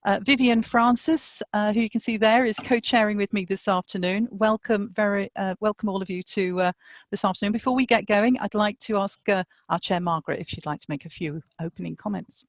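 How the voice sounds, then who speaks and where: A woman hosts an online conference session with informal introductions and housekeeping. Her voice is medium in pitch, and she talks in a chatty, hesitant way. The video-call sound is very dry. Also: a little fast, no room sound. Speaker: conference co-chair and session host. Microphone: video call microphone.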